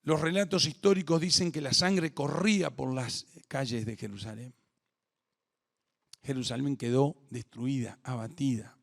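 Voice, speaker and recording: A man with a Rioplatense Spanish accent preaching a sermon as pastor, swinging between hushed reflection and emphatic declaration. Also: medium pitch, unhurried, vocal fry. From Uruguay. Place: home or church for an online service.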